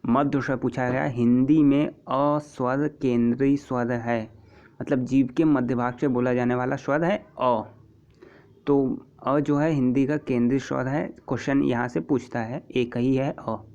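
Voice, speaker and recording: A man teaching an exam-prep lesson, patiently repeating terms and example sounds, with frequent throat clearing. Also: mid-range voice, steady tone, normal speed, a little mellow. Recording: dull lo-fi recording.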